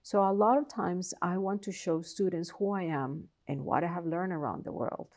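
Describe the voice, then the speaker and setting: Speaking with a Colombian Spanish accent, this professor and researcher from Colombia is a guest giving interview answers. Her somewhat low, gravelly voice is a little mellow and moves at a moderate pace, and she earnestly explains while frequently starting sentences over.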